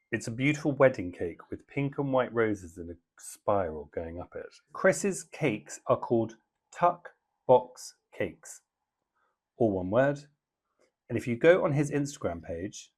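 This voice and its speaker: A man hosting a podcast, chatting casually and enthusiastically while reading out listener mail. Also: medium pitch. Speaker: podcast host.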